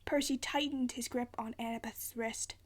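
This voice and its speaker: High-pitched woman reading dramatically. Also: fairly even intonation, moderate pace. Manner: theatrical, often stumbling and rereading phrases. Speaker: amateur reader. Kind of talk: dramatic storybook narration.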